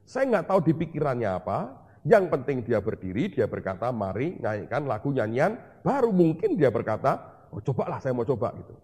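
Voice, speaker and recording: A man preaching in a large church hall, with a long reverb trailing behind each phrase. His voice is dark and husky, and he tells his testimony like a story, acting out the dialogue of each person in it. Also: medium pitch, very animated, fairly quick. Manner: storytelling, acting out dialogue, mixes in English words. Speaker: pastor.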